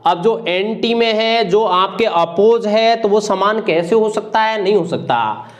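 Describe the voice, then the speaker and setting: A man's voice: high-pitched, measured pace. A man from India teaching an exam-prep vocabulary lesson, repeating each word and its meaning again and again as a drill. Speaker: English teacher.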